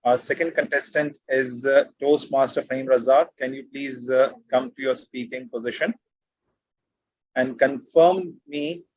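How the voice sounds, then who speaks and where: A man's voice: medium pitch, fairly even intonation, unhurried, dry recording. A man announcing formally as a contest host, courteous and repeating his phrases. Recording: slightly dull, lo-fi online call audio.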